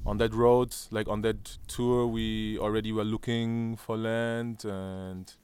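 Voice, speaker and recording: A man's voice: lowish voice, flat delivery, slow pace, a little mellow, clear, resonant tone, no room sound. A man in his thirties from Germany with a German accent, interviewed outdoors on a terrace, talking hesitantly with many fillers and restarts. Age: 30s. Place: outdoor terrace above a valley.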